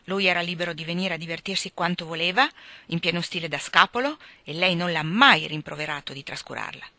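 A self-pitying young man, petulant and sarcastic, as a woman reads him aloud. The voice is bright and tense. It sits close and dry, as in an audiobook. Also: fairly low pitch, no echo. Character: young dissolute husband, self-pitying and mocking. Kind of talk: audiobook character reading.

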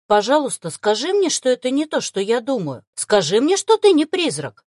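A woman's voice: on the high side, big pitch swings, normal speed, no room sound, studio quality. Woman doing a frantic half-trained necromancer woman. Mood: anxious. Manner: anxious, explosive.

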